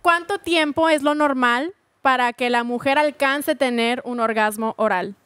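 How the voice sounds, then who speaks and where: A woman's voice: high-pitched, normal speed, fairly bright tone, smooth, no room sound. A woman, co-hosting a podcast with wry, joking remarks in casual chat. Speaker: podcast co-host.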